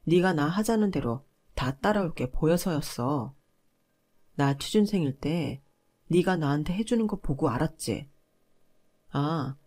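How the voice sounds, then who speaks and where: A woman doing a cold, controlling husband. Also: dark tone. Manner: lower, contemptuous, lecturing.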